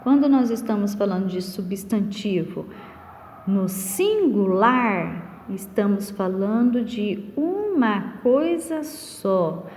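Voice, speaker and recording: A woman's voice: mid-range voice, lively intonation, darkish tone, slight background noise. A woman teacher giving a recorded lesson to young pupils, patiently asking questions and answering them herself. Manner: slow, patient, questions and answers her own questions. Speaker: primary school teacher. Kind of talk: recorded online class lesson. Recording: long reverb.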